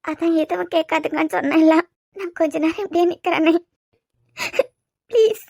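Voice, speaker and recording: A woman voicing a hurt, guarded young woman with a high voice. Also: fast talker, a little mellow, dry recording, clean studio sound, natural voice. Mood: tearful. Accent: Kanyakumari Tamil. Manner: pleading, emotional. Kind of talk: cartoon serial dubbing.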